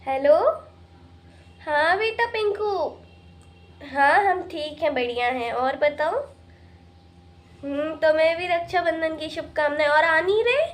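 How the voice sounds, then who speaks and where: Brief: fussing daughter-in-law and mother in a home skit, played by a woman, high voice. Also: a little slow, long pauses. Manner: grumbling, fussing over chores. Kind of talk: comic family skit.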